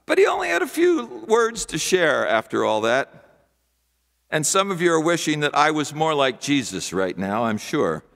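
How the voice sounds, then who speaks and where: An older man preaching a sermon from a church pulpit, with rhythmic, repetitive phrasing and emphatic pauses. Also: fairly high pitch, wildly swooping pitch, creaky, a bit bright. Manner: gestures broadly with both hands while preaching. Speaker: pastor. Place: large church sanctuary, at a wooden pulpit. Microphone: pulpit microphone. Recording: long church hall reverb.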